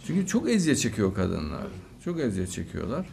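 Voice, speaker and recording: A man hosting a studio talk show, handing out religious blessings and praise in unhurried, drawn-out phrases. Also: lowish voice, wildly swooping pitch, creaky, darkish tone. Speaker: host.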